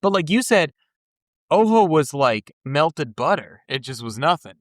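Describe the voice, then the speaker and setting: A man hosts a loose conversation with eager, animated energy, often agreeing and jumping in. His voice sits a little high. The sound is close and dry. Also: unhurried, dry recording. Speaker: podcast host. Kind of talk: casual chat.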